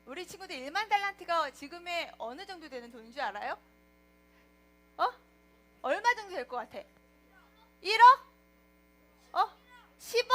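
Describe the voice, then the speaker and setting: A woman preacher telling a Bible story to children in a lively way, often asking them questions. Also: high voice. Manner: animated, asks the children questions.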